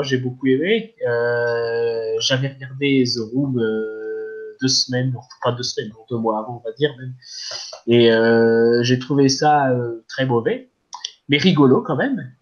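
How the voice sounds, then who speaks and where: A man's voice: medium pitch, unhurried, muffled recording. A man talking casually about a film as a podcast guest, hesitant with many fillers. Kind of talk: casual film review chat.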